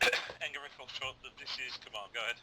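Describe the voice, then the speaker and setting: A man's voice: medium pitch, fairly even intonation, a little fast. A man acting as a command radio operator, speaking in terse military radio procedure over a radio transmission broken by static bursts.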